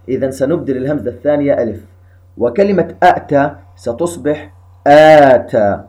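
A man teaching a lesson on recitation rules, explaining each step slowly and chanting the verses he cites. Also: on the high side, dark tone, dull audio.

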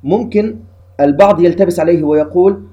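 A man teaching a lesson on recitation rules, explaining each step slowly and chanting the verses he cites. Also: high voice, dark tone.

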